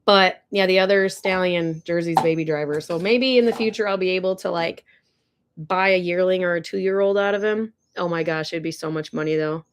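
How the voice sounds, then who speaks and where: A woman's voice: fairly low pitch, fairly even intonation, normal speed, slight background noise. A young woman chatting casually on a ranch livestream, gushing and answering viewer comments. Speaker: livestream host. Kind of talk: casual live chat. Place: ranch barn or home.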